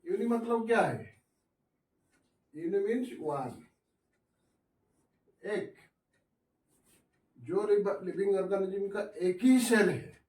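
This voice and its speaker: Slow, high-voiced man lecturing in an echoey room. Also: a little mellow, distant mic. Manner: asks the class questions and answers them himself; mixes English science terms into Hindi. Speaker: biology teacher. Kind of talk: classroom lecture at a whiteboard. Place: classroom.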